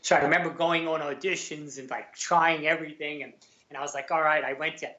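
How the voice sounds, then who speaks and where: Man, middle age, Brooklyn accent, colloquial storyteller, slightly raised pitch, roomy recording. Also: a little fast. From Brooklyn, New York. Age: middle-aged. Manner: colloquial, animated retelling with quoted dialogue. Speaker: podcast guest, actor and former police officer. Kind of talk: casual anecdotal storytelling. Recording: roomy, slightly dull remote audio.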